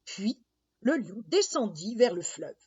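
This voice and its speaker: A woman reading a children's story aloud, slow and expressive. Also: medium pitch, husky. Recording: dull lo-fi sound.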